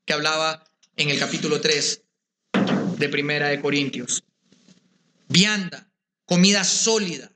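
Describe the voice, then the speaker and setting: A man's voice: on the high side, unhurried, long pauses, very noisy. A man giving a preached lecture to pastors at a symposium, putting rhetorical questions and speaking straight to his listeners. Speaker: conference speaker addressing pastors. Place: symposium venue. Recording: echoey room sound.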